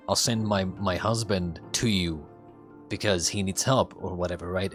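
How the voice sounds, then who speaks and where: A man's voice: low voice, a bit bright. A man doing casual live reaction commentary as a streamer, speculating in a rambling, mildly profane way. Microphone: headset.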